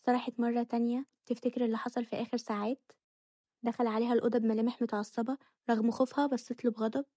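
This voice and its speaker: Brief: egyptian woman narrating a romance novel, very fast, monotone, dry close sound. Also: on the high side, slightly rough, dry recording. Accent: Egyptian Arabic. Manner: rapid, flat storytelling.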